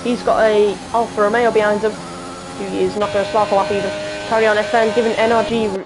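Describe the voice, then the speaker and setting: A woman with a Liverpool accent doing live sim-racing commentary, halting with fillers and jumping up in excitement at crashes. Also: mid-range voice, background noise. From Liverpool, England.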